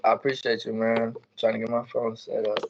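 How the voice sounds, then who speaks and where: A man's voice: lowish voice, completely flat delivery, fairly quick, heavy background noise. A man in his twenties chatting casually as an interview guest, explaining things in plain words. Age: 20s. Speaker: music artist being interviewed. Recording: dull, lo-fi call audio.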